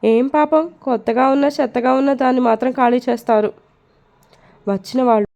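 A woman voicing Nivya, a sharp-tongued young woman at a hotel who answers with teasing, sarcastic retorts, in a storybook reading. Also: fairly high pitch, fairly quick, creaky, muffled recording.

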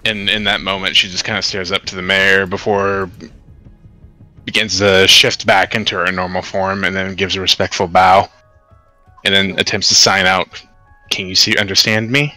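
Bright, forceful man narrating a game. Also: low voice, level tone, normal speed, soft background music, rough recording. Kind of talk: casual tabletop game narration.

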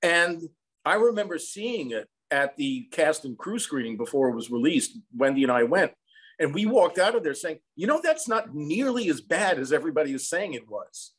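His voice is a little high and husky, swinging widely in pitch at a moderate pace, and the recording is rough. He is an American songwriter and film composer in his sixties, an interview guest on a video call, reflectively telling anecdotes in conversation from a small room at home.

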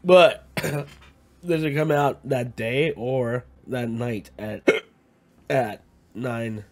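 A young man with a drippy nose from being sick, chatting and laughing often over voice chat while gaming, talking into a headset. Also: medium pitch. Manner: laughs often, slow and drawling. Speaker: gaming channel host. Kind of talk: casual game-chat banter.

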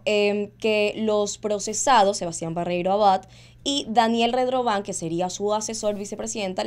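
A young woman interviewing from a studio, asking a long question with many pauses and restarts. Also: medium pitch, smooth. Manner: hesitant, many fillers and restarts. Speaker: interviewer, news presenter. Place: red studio set.

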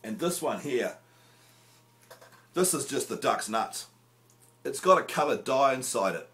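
A man's voice: mid-range voice, expressive, measured pace, fairly bright tone. A man, hosting a casual fishing gear review in a small room, chatty and jokey with lots of filler "uh"s. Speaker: fishing show host. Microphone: camera close up at arm's length.

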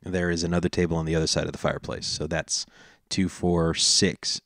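A man's voice: low-pitched, little pitch movement, fairly quick, a bit bright, no echo, studio quality. A man acting as game master, describing the scene in a chatty way with fillers and jokey asides.

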